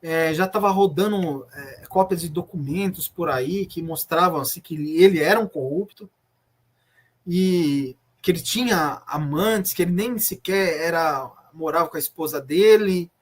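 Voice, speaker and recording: A man's voice: a little high, measured pace. A man with a Brazilian Portuguese accent, a former church member telling his story in an interview, earnest and reflective, often restarting his sentences. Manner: earnest, reflective, retelling memories with many restarts. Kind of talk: personal testimony in an interview.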